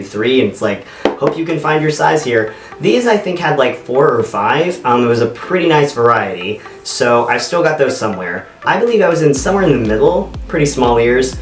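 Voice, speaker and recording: A man giving a casual, halting, conversational product review to camera in an echoey apartment room. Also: medium pitch. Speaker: video reviewer. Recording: echoey bare apartment, distant mic, faint music.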